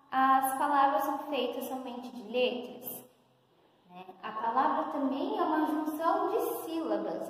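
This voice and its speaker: Young São Paulo woman teacher, high voice, slow patient delivery to small children, heavily echoing empty room. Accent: Brazilian Portuguese, São Paulo state. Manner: slow, patient, explaining step by step with questions. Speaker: first-grade teacher. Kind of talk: recorded lesson for young pupils. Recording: very echoey room, long reverb, faint noise.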